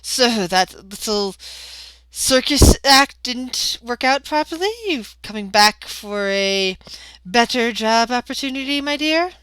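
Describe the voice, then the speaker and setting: A woman's voice: a little high, takes it slowly, a bit bright, clear, resonant tone, no room sound, rough recording. A woman voicing a hulking bald bully of a man who talks in a smug, taunting way.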